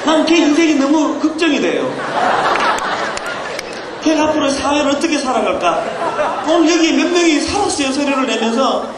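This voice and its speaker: Playful man preaching to teens, high voice, noisy crowd laughing in a big hall. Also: animated, normal speed, pauses often. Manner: playful, teasing, talks with the audience. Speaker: pastor. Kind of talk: comic youth sermon storytelling. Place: large hall at a youth retreat. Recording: echoey hall with crowd noise, old recording. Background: audience laughter.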